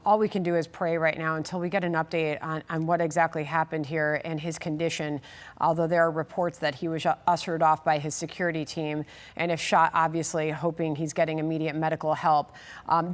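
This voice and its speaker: A woman anchoring live breaking news, hesitant while relaying details. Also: sits low.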